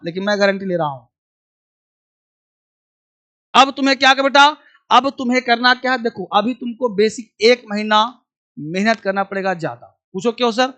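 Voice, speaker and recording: A man's voice: very high-pitched, pushed and bright. A man teaching an English lesson in a classroom style, drilling words aloud and repeating them with a commanding manner.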